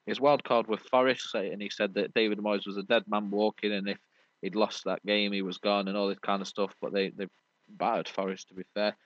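British bloke hosting a sports pod, low voice, matey rambly chat, dry lo-fi sound. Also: male voice, level tone, fairly quick, no room sound. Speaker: sports podcast host. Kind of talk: casual sports review chat. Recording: dull lo-fi audio.

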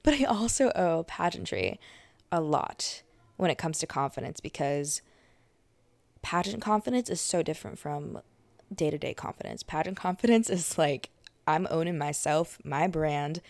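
A woman's voice: sits low, normal speed, a little mellow, no echo. A young woman hosting a podcast, talking casually in a chatty way, full of fillers and restarts. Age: young adult. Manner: chatty, filler-heavy, self-correcting. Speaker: podcast host. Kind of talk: casual monologue.

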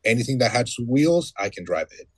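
A man's voice: mid-range voice, big pitch swings, brisk, no room sound. Matter-of-fact man, thirties, dry sound. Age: 30s. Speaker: guest, former Marine. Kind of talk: casual conversation.

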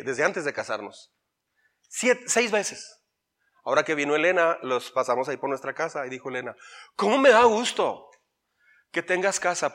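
A man with a Mexican accent, a pastor preaching an animated sermon that swings from loud to soft. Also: fairly high pitch.

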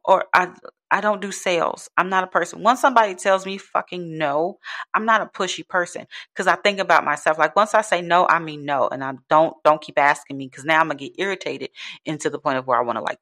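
Woman, lowish voice, casual vent, blunt, profane, exasperated. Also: fairly bright tone. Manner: frustrated, blunt, swears freely. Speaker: vlogger. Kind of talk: casual venting monologue.

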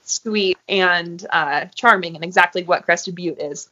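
A woman, a guest in an interview, talking casually and filling pauses with "um" and "you know.". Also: fairly low pitch, sharp tone. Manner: friendly, many fillers like um and you know. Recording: muffled, lo-fi audio.

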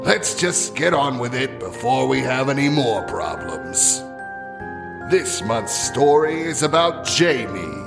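A man voicing a macabre, easily irritated horror shopkeeper who hosts an audio horror drama with slow, drawn-out, mock-sinister delivery. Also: medium pitch, big pitch swings, creaky, music in the background, heavily acted. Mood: menacing. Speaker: horror shop keeper host.

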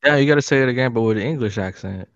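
A man's voice: mid-range voice, rapid-fire, dry recording, highs cut off. A man co-hosting a casual podcast, joking around and trying out silly accent voices. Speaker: podcast co-host. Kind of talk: casual chat.

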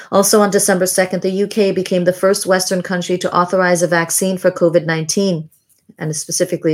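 A woman hosting a podcast, reading a scripted monologue in a measured, deliberate way with reflective pauses. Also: fairly low pitch. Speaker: podcast host. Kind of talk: scripted narration, year-in-review monologue.

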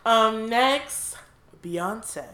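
A woman's voice: fairly high pitch, extremely slow, a bit bright. Chatty young woman with a slight lisp. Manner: chatty, laughs often, loose filler-heavy delivery. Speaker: podcast co-host. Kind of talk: casual celebrity gossip chat. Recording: roomy echoey room.

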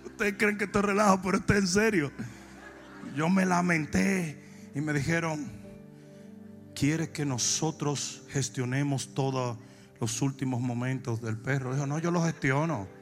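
A Dominican man preaching, telling comic stories and breaking into long shouted cries. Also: a little high, faint music behind. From Dominican Republic. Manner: shifts from shouted, drawn-out preaching to fast, joking anecdotes. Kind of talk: comic sermon storytelling.

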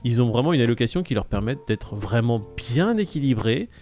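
A man's voice: medium pitch, fairly quick. Young male host, easygoing and jokey, runs the news rundown; faint music under him. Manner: jokey, relaxed, leads the rundown. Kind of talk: casual crypto news chat.

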